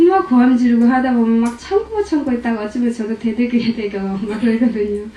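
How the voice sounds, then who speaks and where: A woman's voice: on the high side, normal speed, mellow, slight background noise. A middle-aged woman from the audience, asking a Buddhist teacher about her marriage, hesitant and self-reflective, trailing off. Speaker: questioner from the audience. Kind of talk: confessional question in a dharma talk. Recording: roomy hall, distant from the mic.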